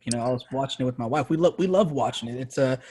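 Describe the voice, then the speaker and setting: A man's voice: medium pitch, rapid-fire, mellow. A man hosting a casual interview, laid-back and jokey as he chats with his guest. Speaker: interviewer, podcast host.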